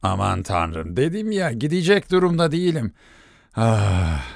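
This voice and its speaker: A man's voice: mid-range voice, huge pitch swings, measured pace, vocal fry, no room sound, clean studio sound, exaggerated voice. A man playing a tired, feverish country doctor who mumbles and grumbles. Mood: drowsy.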